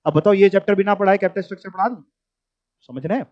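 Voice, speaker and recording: A man's voice: high-pitched, fast talker. A male teacher giving a classroom lecture, explaining terms and quizzing his students with questions. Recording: dull lo-fi lecture recording.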